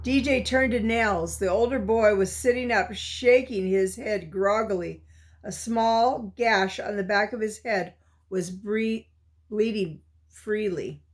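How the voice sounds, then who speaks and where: Woman slowly reading a chapter book. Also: medium pitch. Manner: slow, steady reading. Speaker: storyteller.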